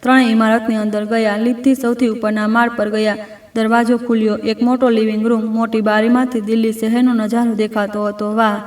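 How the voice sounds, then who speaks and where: A woman narrating a scripted story in even, measured short phrases. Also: on the high side. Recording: roomy, distant mic.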